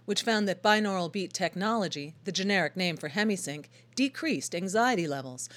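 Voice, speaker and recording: Lady hosting a little radio segment, voice jumps all over, dry humor but really into it. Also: mid-range voice. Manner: wry, enthusiastic storytelling. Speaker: radio feature host. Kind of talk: scripted radio feature narration.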